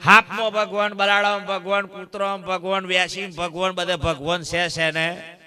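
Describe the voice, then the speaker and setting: Over soft background music, a man with a Gujarati accent and a smooth, high voice preaches at a normal speed. He's a bhajan satsang preacher giving a folk sermon at a village religious gathering, animatedly telling stories. He keeps addressing the crowd as "saheb" and "bap" and peppers them with rhetorical questions.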